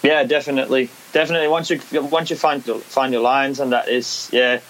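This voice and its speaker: A young Danish man with a Danish accent, a skateboarder and competition winner, talks casually in an interview, hesitating with many restarts and fillers. His mid-range voice is steady and fairly bright, and he speaks fairly quickly. The low-quality recording has a faint background hiss.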